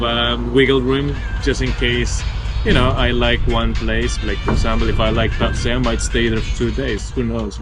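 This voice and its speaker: A man vlogging on a bicycle trip, talking casually and a bit rambling, sleepy at dawn in a roadside hut by a highway. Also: background noise. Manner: relaxed, rambling, many fillers. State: sleepy, yawning. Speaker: travel vlogger. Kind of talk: casual vlog talk to camera. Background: passing trucks and cars.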